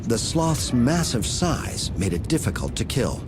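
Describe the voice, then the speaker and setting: A male narrator delivers scripted nature documentary storytelling in a dramatic way. His intonation swings expressively, and music plays clearly beneath his voice. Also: mid-range voice, big pitch swings, unhurried. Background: music under the voice.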